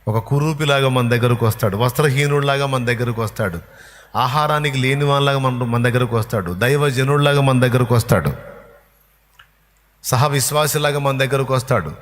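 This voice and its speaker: A male pastor preaching a sermon, emphatic and repetitive as he drives each point home. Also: medium pitch. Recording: long hall reverb.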